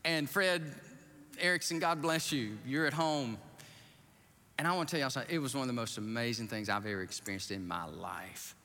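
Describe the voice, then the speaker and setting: A man preaching as a pastor, telling a story in an animated, excitable way and jumping up in pitch to act out scenes, in a church sanctuary. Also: a little fast. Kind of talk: storytelling sermon. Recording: reverberant hall.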